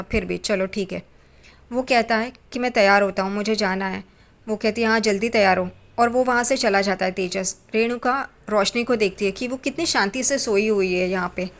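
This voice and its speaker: High-voiced woman retelling a serial. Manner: retells scenes, voicing each character's lines in her own voice. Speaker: serial recap narrator. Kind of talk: storytelling recap with quoted dialogue.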